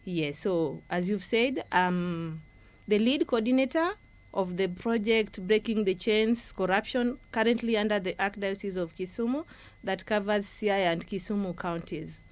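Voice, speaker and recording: A woman's voice: mid-range voice, a little slow. A Kenyan woman, a project coordinator and guest speaker, giving an earnest, instructive talk in a radio studio.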